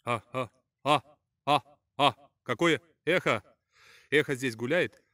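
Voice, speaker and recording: Male vlogger, mid pitch, shouting outdoors so his voice echoes back off a cliff face. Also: slow, studio quality. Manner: calling out loud to test the echo. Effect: voice echoing back off a cliff face outdoors. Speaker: vlogger exploring an island. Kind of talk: casual outdoor vlog commentary. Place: outdoors by a river under a sheer rock cliff. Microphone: phone camera.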